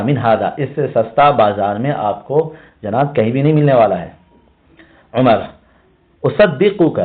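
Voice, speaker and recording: A male language teacher explaining a reading passage line by line, repeating words and asking himself questions. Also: mid-range voice. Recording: tinny phone-like sound.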